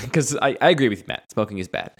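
A man's voice: medium pitch, lively intonation, fairly quick, husky. Laid-back man reasoning his point. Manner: reasoning, laughs often. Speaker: podcast co-host. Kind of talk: casual conversation.

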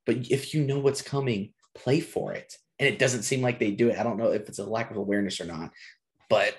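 A man's voice: lowish voice, fast. Casual: guy ranting about his team on a podcast, keeps restarting sentences. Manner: frustrated, rambling with restarts. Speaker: podcast host. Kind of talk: casual sports chat.

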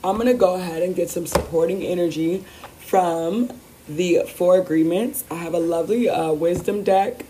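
A woman hosting a spiritual card reading, with a voice worn rough from a weekend of celebrating, speaking in an emphatic, affirming way and repeating her phrases. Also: fairly low pitch, moderate pace, warm tone, a little hiss or hum. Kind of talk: upbeat spiritual talk, weekly card reading.

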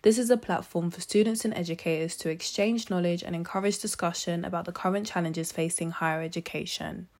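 A woman hosts a podcast, opening with a scripted welcome before moving into a relaxed interview. Her voice sits a little low, and her questions wander with casual hedges and fillers. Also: fairly quick, few pauses. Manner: friendly, with hedging fillers in questions. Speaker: podcast host.

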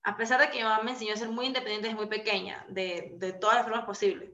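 A woman in her twenties telling her story in a casual podcast chat over a video call, animated and full of fillers. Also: a little high, fast talker. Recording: echoey lo-fi call audio.

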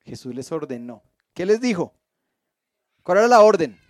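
A man's voice: sits high, big pitch swings, normal speed, dry recording, clean studio sound. A man teaching a Bible study class. He reads the passage aloud, stops to explain it and often puts questions to his listeners, with playful asides. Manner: asks the audience frequent questions.

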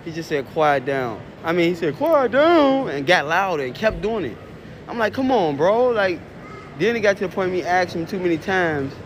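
High-voiced man. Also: fairly quick, a little hiss or hum. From Chicago. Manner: profane, rambling storytelling. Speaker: show host. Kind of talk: casual monologue.

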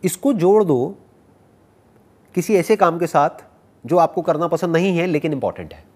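Answering audience questions during a motivational talk, this man is animated and playfully teasing, slipping English phrases into his Hindi. His voice sits a little high and he keeps a moderate pace.

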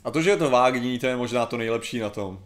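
A man co-hosting a casual chat show, rambling and hesitant with many fillers. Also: medium pitch. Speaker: podcast co-host.

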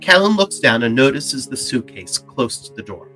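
A man's voice: medium pitch, sing-song, moderate pace, pushed and bright. A man delivering scripted dramatic narration for an audio drama, with music behind him. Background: background music.

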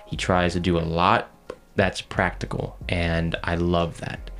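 Guy with a really low voice, excited and rambly, casual movie talk. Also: unhurried. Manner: enthusiastic, rambling with restarts. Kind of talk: casual film discussion chat.

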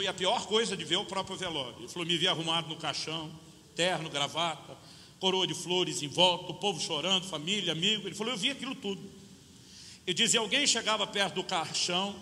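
A Brazilian man in his fifties, a pastor preaching a sermon in a Brazilian Portuguese accent, telling a story and acting out both sides of the dialogue, slowing down for emphasis. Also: high-pitched, pushed and bright. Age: 50s. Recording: reverberant hall with faint noise.

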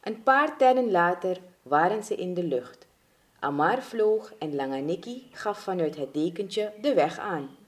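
A woman reading a children's story aloud in an expressive, dramatic way. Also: lowish voice, a little slow.

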